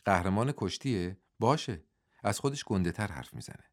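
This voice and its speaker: Outspoken young son, blunt and challenging, voiced by the narrator. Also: male voice, lowish voice, animated.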